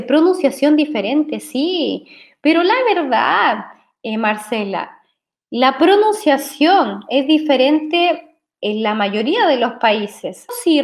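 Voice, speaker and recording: A woman teaching a Spanish lesson, patient and explanatory, often checking in with her listeners. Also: sits high. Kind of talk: language lesson to camera.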